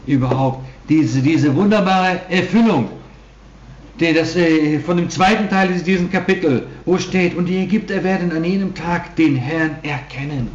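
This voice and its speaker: A man's voice: on the high side, a little mellow, a little hiss or hum. A man preaching a sermon to a congregation, emphatic, often restarting his sentences. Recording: dull roomy hall recording.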